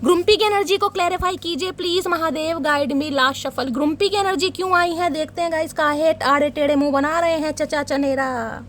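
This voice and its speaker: Talking quickly with few pauses, a woman reads tarot cards for her audience in a playful, dramatic manner, addressing them as "guys" and "darling." Her high, slightly bright voice comes with a little hiss or hum.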